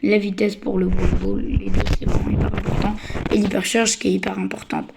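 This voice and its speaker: A woman who is a little sick and tired, giving casual game tips in a hesitant, stammering way with a slightly croaky voice. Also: medium pitch, level tone, a little fast, heavy background noise. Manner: hesitant, stammering, many fillers. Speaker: gaming channel host.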